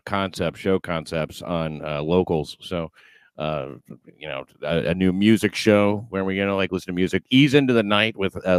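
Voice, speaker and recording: A man hosting a podcast, chatting casually with a dry, deadpan delivery. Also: low-pitched, smooth, no room sound. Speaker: podcast host. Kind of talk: casual comedic podcast chat.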